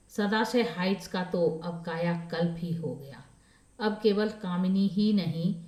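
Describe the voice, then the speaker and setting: A woman narrating a family story in a measured, expressive reading. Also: lowish voice, reverberant. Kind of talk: scripted narration.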